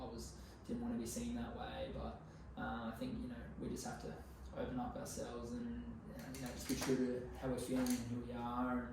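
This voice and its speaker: A young Australian man talks as a relaxed interview guest, using plenty of slang and swearing. His voice is picked up from a distance in a very echoey room, with clear background noise. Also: mid-range voice. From Queensland, Australia. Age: 20s. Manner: laid-back, slangy, sweary. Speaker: podcast guest. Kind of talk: casual conversational interview.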